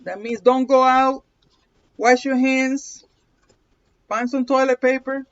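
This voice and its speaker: Taking her time, a high-pitched woman with a Puerto Rican accent talks in a fairly even tone during a chatty livestream card reading. She laughs often and keeps checking with viewers with "okay?", and the stream audio is dull and lo-fi.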